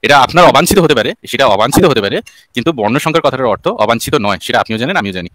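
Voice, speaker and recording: A man's voice: mid-range voice, lively intonation, very fast, a bit bright, dry recording. A man hosting a call-in debate, lecturing a caller with examples and rhetorical questions. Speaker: host answering a caller.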